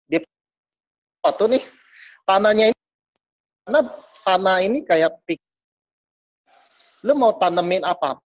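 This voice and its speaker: A man's voice: high-pitched, lively intonation, measured pace, long pauses, no echo. A man talks over a bad online connection, his voice breaking up and cutting out in choppy bursts. The sound is dull and lo-fi with a dry, close feel, and he rambles casually in slang, often restarting his sentences. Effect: choppy audio cutting in and out over a bad online call connection. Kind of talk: casual motivational talk over an online call.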